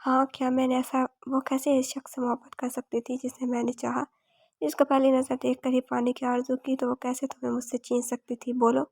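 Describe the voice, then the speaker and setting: Casting: a woman reading a desperate obsessive young wife, high even voice. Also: fairly quick, vocal fry, no echo, clean studio sound. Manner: read plainly in the narrator's voice.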